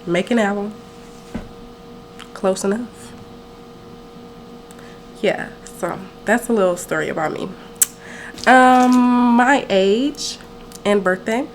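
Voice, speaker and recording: Slow-talking nineteen-year-old woman chatting. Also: medium pitch, a little hiss or hum, low-quality recording. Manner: chatty, rambling, self-correcting. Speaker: podcast host. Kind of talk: casual storytelling.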